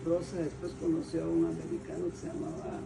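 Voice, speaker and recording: An older Guatemalan woman with a Guatemalan Spanish accent tells her family history in an oral history interview, rambling, restarting and hunting for names. Her voice rumbles low, swings widely in pitch and moves fast. The mic is distant, and birds coo noisily in the background.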